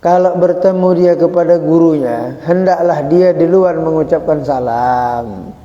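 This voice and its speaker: A man over forty giving an informal religious study talk, chatty and joking, acting out greetings slowly. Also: a little high, mellow. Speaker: religious teacher. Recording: dull echoey hall.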